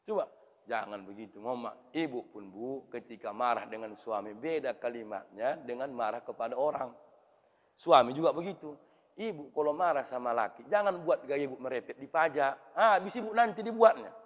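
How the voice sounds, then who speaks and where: Preacher, male, animated and theatrical, echoey muffled hall. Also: a little high. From Indonesia. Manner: animated, swings loud and soft, acts out voices. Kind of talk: lively mosque sermon. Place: mosque. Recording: reverberant hall through dull PA sound.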